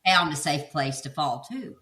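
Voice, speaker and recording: A woman guest in casual interview chat, an animated storyteller who acts out quotes in a high playful voice and laughs often. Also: normal speed, reverberant. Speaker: guest, author and seminar speaker.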